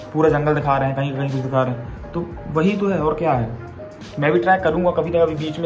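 A young man chatting casually into a phone held at arm's length, rambling straight to his viewers in a daily vlog. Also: fairly high pitch. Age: young adult. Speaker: vlogger. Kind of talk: casual vlog chat to camera. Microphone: phone camera held at arm's length.

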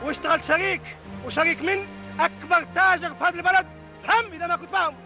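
A brash young man talks fast and insolently. His voice sits very high. Music plays beneath the dialogue. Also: sharp tone, full character voice. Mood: defiant. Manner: boastful, insolent. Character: defiant young man Hamoud, arrogant toward his family. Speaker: actor. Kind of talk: TV drama acting. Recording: drama audio with music underneath.

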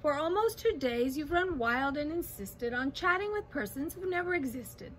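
A woman's voice: sits high, expressive, normal speed, fairly bright tone, slight background noise. A woman voicing a bossy, scornful big kangaroo in a storybook, snappish and haughty. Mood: stern, snappish.

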